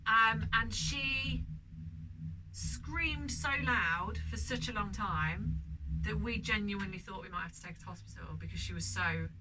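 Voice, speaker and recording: A woman's voice: medium pitch, measured pace. A woman who co-hosts a podcast, telling a comedic parenting story with exasperation and the odd swear word. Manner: animated, exasperated, swears freely. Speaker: podcast co-host and mother. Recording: distant mic with background noise.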